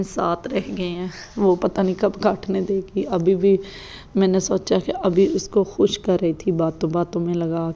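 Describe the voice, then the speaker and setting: Mother vlogging at home, mellow. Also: lowish voice, highs cut off. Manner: chatty, rambling, quotes her children. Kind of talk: casual vlog narration.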